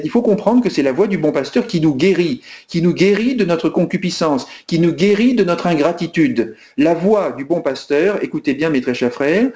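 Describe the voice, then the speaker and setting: A man's voice: a little high, a little mellow, echoey room, lo-fi sound. A man preaching an earnest sermon as a priest, asking rhetorical questions and restarting his phrases often.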